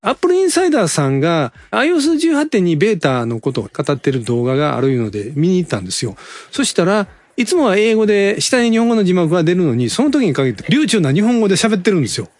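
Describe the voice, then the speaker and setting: A man with a Kansai accent hosting a casual tech chat, chatty and quick to laugh. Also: sits high, no room sound. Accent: Kansai Japanese. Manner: lively, chatty, laughs often. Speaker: podcast host.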